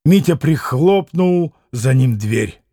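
A man reading a classic novel as an audiobook in a measured, expressive way. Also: medium pitch, no room sound, clean studio sound. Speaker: audiobook narrator.

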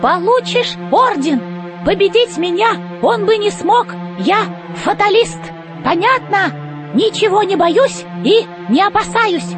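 A woman voicing a rusty, creaky male robot chief who barks orders in a squeaky voice.

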